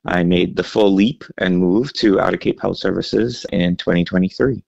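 A man from the Bahamas, a health center chief, speaking in a measured, explanatory way with frequent fillers in a radio interview. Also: low voice, gravelly, a little mellow, dry recording, highs cut off.

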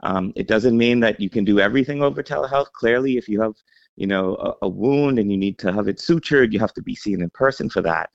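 Bahamian-raised man, very low and gravelly voice, measured interview guest; dull lo-fi recording. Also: no echo. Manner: measured, explanatory with frequent fillers. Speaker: healthcare executive guest. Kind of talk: interview answers.

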